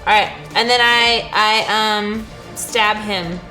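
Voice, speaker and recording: Woman game player, medium register, casual banter, echoey room with clear music. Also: medium pitch, fairly even intonation, takes it slowly, bright, forceful tone.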